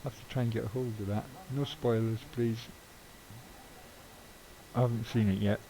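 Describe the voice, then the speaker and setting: Man, mellow low-key voice, casual rambling stream chat, middle-aged, casual swearing. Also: fairly even intonation, moderate pace, poor audio. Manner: rambling, swears casually, chuckles at own jokes. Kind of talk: casual live-stream chat while gaming.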